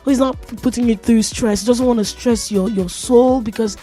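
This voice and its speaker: In a radio studio, a woman with a Nigerian accent hosts a casual tech talk, chatty and playful with frequent laughter. Her warm voice sits on the high side, steady in tone and at normal speed, with faint music behind.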